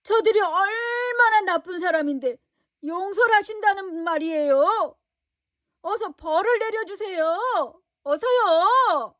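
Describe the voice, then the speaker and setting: A woman voicing a stubborn, quick-tempered prophet man who whines and complains in a storybook. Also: very high-pitched, steady tone, no echo, voice pushed up. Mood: indignant. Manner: whiny, complaining.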